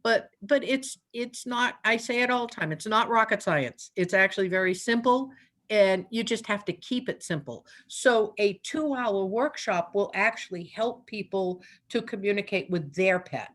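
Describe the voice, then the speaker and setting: A woman's voice: medium pitch, moderate pace, fairly bright tone. Chatty New woman telling stories. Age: older. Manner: chatty storyteller, laughs often, plays out her animals' thoughts. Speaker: animal communicator guest. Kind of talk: casual interview chat.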